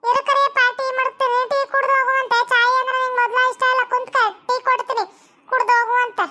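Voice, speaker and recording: A woman playing an older village mother in a comedy sketch, nagging and scolding. The voice is very high, thin and bright. It stays flat in tune. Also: fast, slight background noise. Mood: coaxing.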